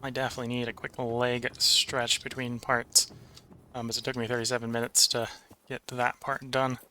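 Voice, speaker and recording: A man hosts a video game playthrough in a bright, forward voice. He comments casually and haltingly, thinking aloud as he goes. Some background noise sits behind his voice. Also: medium pitch, little pitch movement.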